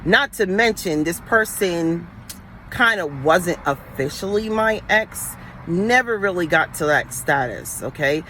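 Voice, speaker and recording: On poor audio with slight background noise, a woman from Queens, New York, rants on her livestream in a lowish, expressive voice, unhurried, pushed and bright. The spiritual advisor comes across blunt and streetwise, emphatic, slangy and profane.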